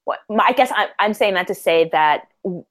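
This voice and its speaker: A woman's voice: mid-range voice, animated, normal speed. Woman cohost telling a story, voice jumps all over, laughs mid sentence. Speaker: podcast co-host. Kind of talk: casual storytelling chat.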